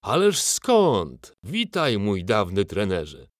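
A hulking former gladiator from a storybook, played by a man. He booms slowly and loudly, with a gruff, mocking edge and lively swings of pitch. The sound is dry and close. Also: no echo. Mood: booming hearty. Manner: booming, mocking.

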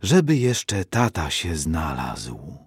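A man's voice: rumbling low, huge pitch swings, takes it slowly, husky, dry recording, studio quality, pitched below the performer's own voice, full character voice. A man voicing a worried but brave mother who talks protectively to her children in a storybook. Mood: gentle. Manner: urgent, protective.

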